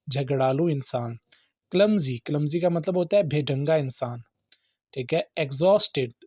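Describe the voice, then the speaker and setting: A man's voice: fairly high pitch, a little mellow, no room sound, lo-fi sound. A man teaching English vocabulary, working through words one by one and often saying "theek hai" as he explains. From Pakistan. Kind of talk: vocabulary lesson.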